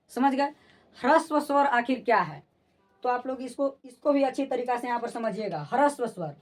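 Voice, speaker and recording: Recorded from a distance, a woman with a slightly high voice explains grammar in a classroom-style lesson. She repeats terms and keeps asking if the students have understood.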